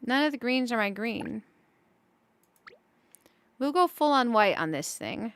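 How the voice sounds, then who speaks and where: A woman's voice: a little high, sing-song, unhurried, clean tone. A woman streaming a cozy game, chatting casually with viewers and thinking aloud as she decorates, with giggly bursts. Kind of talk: casual gameplay commentary.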